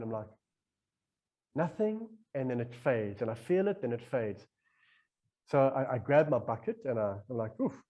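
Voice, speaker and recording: During a relaxed podcast chat, a man tells a lengthy, meandering tale with lots of energy, acting out what was going on in his head. His voice is medium in pitch.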